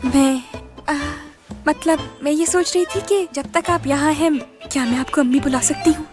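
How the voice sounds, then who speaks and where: A woman's voice: sits high, moderate pace, lightly acted. A woman dubbing a flustered, pleading young woman. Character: anxious young woman wooing an older woman's favor. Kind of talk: dubbed TV drama. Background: music.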